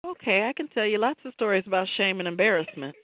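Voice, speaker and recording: A woman's voice: medium pitch, expressive, fast, dry recording. Woman cohost talking faith, kinda rambly, laughs easy, tinny phone sound, dry. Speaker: podcast co-host. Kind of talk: casual faith talk.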